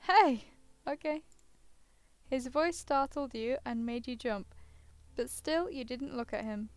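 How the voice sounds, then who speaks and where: Reading a visual novel aloud, a woman streamer keeps drifting into halting asides and cutting herself off, sounding worn out and yawning. Her voice is fairly high and a little slow, with no echo.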